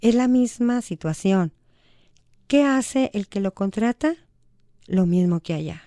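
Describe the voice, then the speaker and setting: A woman's voice: medium pitch, expressive, a little slow, mellow, dry recording, clean studio sound. A woman with a Mexican accent, a human rights advocate speaking earnestly as a guest on a radio talk show. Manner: earnest, conversational, acts out quoted dialogue. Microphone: studio microphone.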